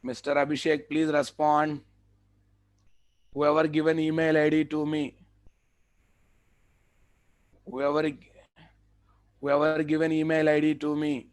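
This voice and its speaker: Male software instructor, South Indian Telugu-influenced accent. Lighter, higher register, dry close sound, clipped and repetitive live tutorial delivery. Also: completely flat delivery, unhurried, long pauses, no room sound. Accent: South Indian, Telugu-influenced English. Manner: repeats phrases, clipped instructions. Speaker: software instructor running an online class. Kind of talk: live online tutorial, addressing students.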